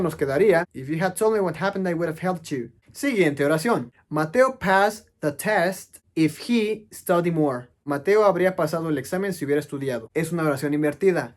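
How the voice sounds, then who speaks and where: A man teaching English grammar, explaining step by step and answering his own questions. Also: on the high side. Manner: explanatory, asks questions and answers them himself.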